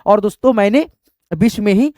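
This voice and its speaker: A man's voice: sits high, normal speed, warm tone, no echo, studio quality. A man teaching a spoken lesson, patiently spelling out letters one by one.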